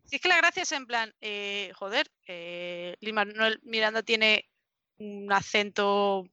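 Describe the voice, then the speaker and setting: Bright-voiced exasperated woman. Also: mid-range voice, takes it slowly, clean tone, dry recording, dull audio. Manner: exasperated, emphatic, swears casually. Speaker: podcast co-host. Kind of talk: casual chat.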